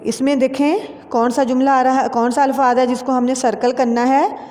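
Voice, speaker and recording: A woman's voice: sits high, flat delivery, normal speed, darkish tone, long reverb tail. A woman teacher with a Pakistani Urdu accent, patiently spelling out words letter by letter in a lesson for young children. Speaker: school teacher.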